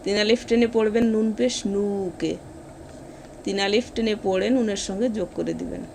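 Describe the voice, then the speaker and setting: A woman's voice: mid-range voice, gravelly, darkish tone, a little hiss or hum. Woman teaching recitation rules step by step. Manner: explains rules, then recites words slowly drawn out. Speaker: Quran reading teacher.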